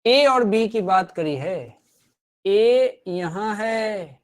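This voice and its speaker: A man's voice: high-pitched, drawn-out words. A man teaching physics in a live online class, repeating phrases and encouraging his students.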